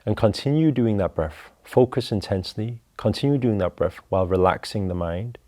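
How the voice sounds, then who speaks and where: A man leading a guided breathing meditation, talking slowly and calmly through each step. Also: on the low side. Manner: slow, calm, instructive.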